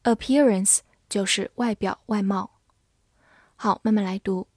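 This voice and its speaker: A woman teaching English vocabulary in a scripted lesson. She spells words letter by letter and reads the example sentences slowly. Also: mid-range voice, fairly even intonation, a little mellow, no echo, studio quality.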